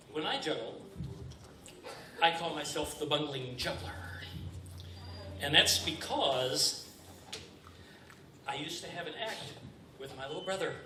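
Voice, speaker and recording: Bungling kids party magician, higher-pitched man, echoey stage. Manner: feigned befuddlement, bumbling. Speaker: comic juggler and magician performing on stage. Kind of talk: live comedy juggling demonstration with patter. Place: stage before a live audience. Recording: noisy echoey stage recording from far off.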